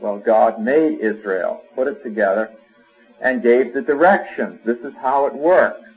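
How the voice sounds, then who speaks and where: A man's voice: medium pitch, a little slow, a little mellow, slightly rough, rough recording. Male preacher, conversational sermon. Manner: conversational preaching with fillers and homely examples.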